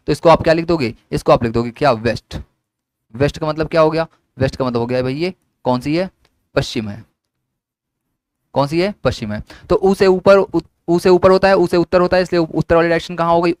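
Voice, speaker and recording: A man's voice: on the high side, no echo. Man drilling a lesson with repeated questions. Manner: repetitive question-and-answer drilling. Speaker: teacher. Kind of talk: classroom lesson explaining at a whiteboard.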